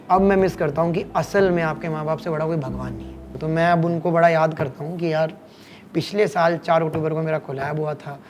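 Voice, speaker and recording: A man in his late thirties from Haryana, a cricket commentator telling personal stories in a podcast interview, acting out the voices of the people in them. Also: fairly high pitch. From Kurukshetra, Haryana, India. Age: late 30s. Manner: animated anecdotal storytelling, acting out voices.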